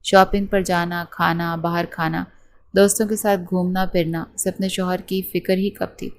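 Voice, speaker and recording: A woman reading a romance novel aloud in a steady storytelling voice, voicing every character. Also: fairly low pitch, a little hiss or hum. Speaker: narrator. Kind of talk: scripted novel narration.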